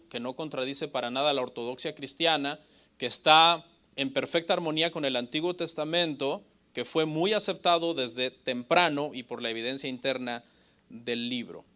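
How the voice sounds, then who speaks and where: Bright-voiced pastor teaching a Bible class. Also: male voice, fairly high pitch. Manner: asks the audience questions and answers them himself; often adds "hermano" and "ok?".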